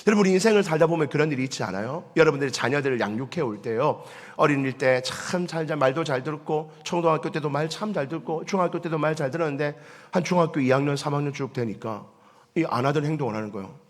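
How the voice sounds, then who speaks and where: A man preaching a Sunday morning sermon as pastor, lively, acting out the voices he quotes and asking the congregation questions. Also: a little high, quick pace. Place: church sanctuary. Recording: long church reverb.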